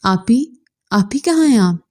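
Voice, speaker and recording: Panicked young woman, read by a woman, tearful calls, mellow. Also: medium pitch, expressive, moderate pace, natural voice. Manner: tearful, alarmed calling out.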